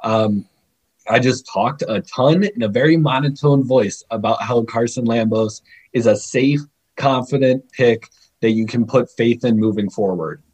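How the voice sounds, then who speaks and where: Man, podcast guest; husky, middle pitch, animated and chatty. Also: unhurried, poor audio. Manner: animated, laughs often, chatty. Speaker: scouting guest. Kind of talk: podcast interview.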